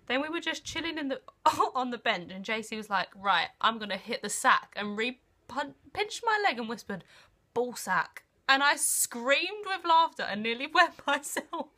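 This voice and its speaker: Young british girl reading out her old diary, really bright voice, chatty n giggly, does the quotes. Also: fairly high pitch, moderate pace. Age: young adult. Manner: giggly, animated storytelling, acting out quotes. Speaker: vlogger. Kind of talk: casual reading aloud from old journals with chatty asides.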